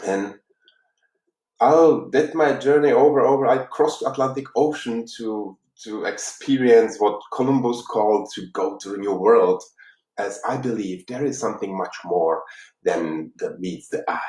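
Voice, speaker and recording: A man from the Czech Republic with a Czech accent, a life coach giving an earnest, halting motivational talk on a live stream. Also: lowish voice, darkish tone. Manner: earnest, halting, with frequent restarts. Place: room in Los Angeles. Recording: roomy, distant mic.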